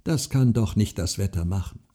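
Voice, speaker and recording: A man voicing a frail old widow who speaks softly, earnestly and secretively. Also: lowish voice, moderate pace, breathy edge.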